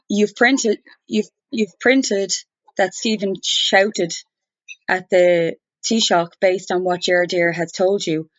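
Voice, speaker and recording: A woman speaking over the phone, challenging someone in an insistent, deliberate, argumentative way. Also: mid-range voice. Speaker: complainant challenging a journalist. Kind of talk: confrontational phone conversation. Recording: muffled, roomy recorded phone call.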